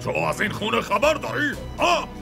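A gravelly stern old patriarch. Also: male voice, extremely high pitch, sing-song, exaggerated voice. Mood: angry. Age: older. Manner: scolding, gravelly. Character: stern old family patriarch, harsh tempered. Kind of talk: Persian dub of a TV drama. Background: music.

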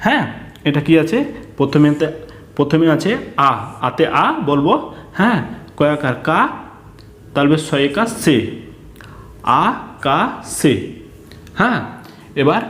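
A man's voice: on the high side, animated, measured pace, long pauses, fairly bright tone, echoey room. A man teaching a reading lesson to children, spelling out words syllable by syllable and asking his pupils questions.

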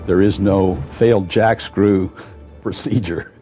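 Deep male voice, expert interviewee, unscripted explanation, music behind. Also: fairly even intonation, takes it slowly, dark tone. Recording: music bed under interview.

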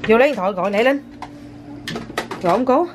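Playful high-voiced mom. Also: female voice, animated, quick pace. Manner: playful, teasing, full of exclamations. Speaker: mother filming her child. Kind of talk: casual home vlog. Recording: noisy home phone recording.

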